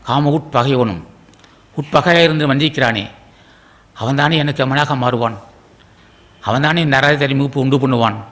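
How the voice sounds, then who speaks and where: A middle-aged man from Tamil Nadu preaches a devotional sermon, his pitch sitting in an ordinary middle range. He pleads in long repeated prayer-like phrases and often pauses to clear his throat. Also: fairly bright tone. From Tamil Nadu, India. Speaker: spiritual teacher.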